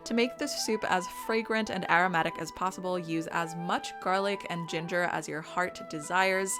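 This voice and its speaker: Upbeat young woman narrating a cooking vlog. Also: lowish voice. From Romania. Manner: chatty, upbeat, explanatory. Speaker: vlogger.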